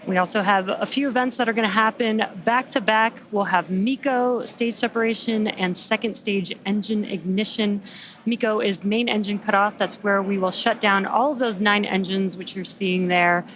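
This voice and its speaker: A woman's voice: mid-range voice, steady tone, moderate pace, fairly bright tone. A woman hosting live launch commentary, explaining each step in an upbeat manner. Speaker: launch webcast host.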